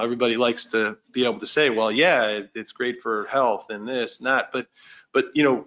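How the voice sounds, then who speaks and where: A man's voice: medium pitch, fairly bright tone, highs cut off. A man moderating a casual meeting discussion, chatty with many fillers and restarts.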